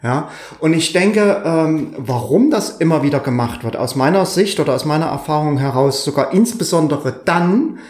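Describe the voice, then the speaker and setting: A man's voice: a little high, animated, normal speed, few pauses, a little mellow. A male podcast co-host with a sonorous, velvety voice, explaining thoughtfully in conversation and repeating phrases for emphasis. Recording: roomy, echoing sound.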